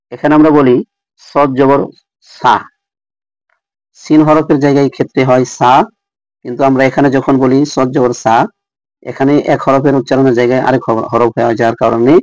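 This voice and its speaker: A man teaching Quran recitation rules, repeating each letter sound slowly and speaking directly to viewers. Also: mid-range voice, a little mellow, no room sound, dull audio. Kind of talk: tajweed lesson.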